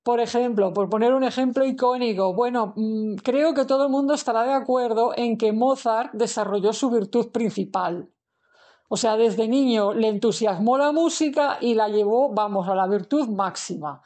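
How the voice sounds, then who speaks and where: A woman's voice: a little high, dark tone. A woman, giving a spiritual lesson in a reflective way and thinking aloud with fillers and restarts. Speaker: spiritual teacher. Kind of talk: recorded lecture on the soul.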